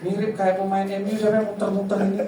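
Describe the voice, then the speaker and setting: A male pastor preaching in a lively, humorous way, acting out little anecdotes. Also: high-pitched. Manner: humorous, mimics voices in quick asides. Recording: echoey hall, distant mic, noisy.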